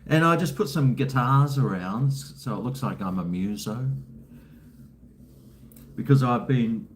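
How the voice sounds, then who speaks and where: A man's voice: medium pitch, a little slow, a little hiss or hum. An Australian man chatting casually on a live stream in a laid-back, blokey, colloquial way, responding to viewers.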